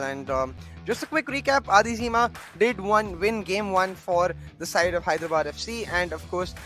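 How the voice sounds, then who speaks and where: A man commentating an esports football match in an energetic, upbeat presenter manner. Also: high-pitched.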